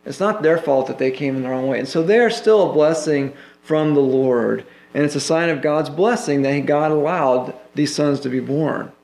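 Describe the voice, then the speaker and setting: A man's voice: fairly high pitch, reverberant. A man pastor teaching a Bible sermon in a conversational way, full of "you know" fillers.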